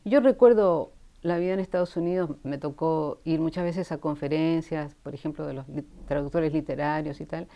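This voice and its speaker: A woman's voice: low-pitched, normal speed, hardly any pauses, dull audio. A woman in her sixties from Chile, a guest writer talking thoughtfully in an in-person interview at a university, often restarting her sentences. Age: 60s. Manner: thoughtful, with frequent restarts and trailing asides. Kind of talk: casual interview conversation.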